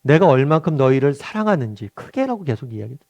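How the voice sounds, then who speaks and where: A man, the pastor, giving a morning devotional sermon. He talks in a conversational way, keeps asking the listeners questions and answering them, and slows down when he quotes Scripture or acts out what people say. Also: mid-range voice, very animated, darkish tone, dry recording, lo-fi sound. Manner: slows down to act out quoted lines.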